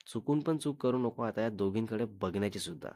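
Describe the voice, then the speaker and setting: A man voicing a protective, angry young husband who lectures and threatens firmly in a low voice. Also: brisk, a little mellow, no room sound, studio quality, close to an everyday voice. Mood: threatening.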